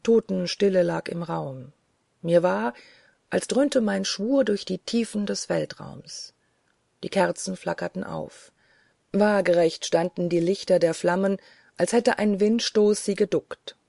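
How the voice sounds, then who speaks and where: Gothic audiobook narrator, solemn and dramatic, dark gravelly voice, dry close sound. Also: mid-range voice, no room sound. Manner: slow, solemn, dramatic reading. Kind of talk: scripted first-person audiobook narration.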